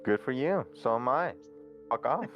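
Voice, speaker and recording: A man voicing a feisty, foul-mouthed female husky dog who swears and snaps at strangers, low and gruff. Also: lively intonation, normal speed, dull audio, faint music behind. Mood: dismissive. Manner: rude, swearing, snappy.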